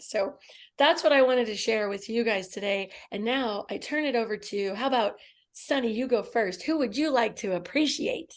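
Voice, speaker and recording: A woman hosting a casual chat who affirms the others warmly and hands the turns around. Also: mid-range voice. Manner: warm, affirming, directs the turns. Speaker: host.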